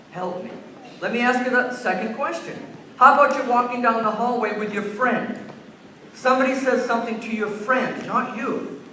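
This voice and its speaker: Speaking in a very high-pitched, sharp voice, a man leads a school assembly for young children, telling a story and taking answers to his questions. A camera far away in a large gym records it, very echoey with slight background noise.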